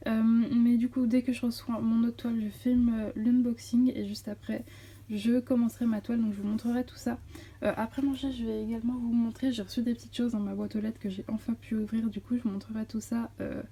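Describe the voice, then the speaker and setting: A woman vlogging casually in speech, rambling and breaking off her own sentences, her voice slightly hoarse and strained from a sore throat. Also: on the high side, flat delivery, brisk, warm tone. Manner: rambling, self-interrupting. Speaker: vlogger on a craft channel. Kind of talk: casual vlog chat.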